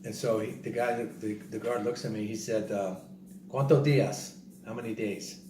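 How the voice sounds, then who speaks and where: A man telling a casual story in an animated way, repeating himself and acting out what other people said. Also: lowish voice, brisk. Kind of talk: casual spoken travel story. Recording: roomy, distant mic, noisy background.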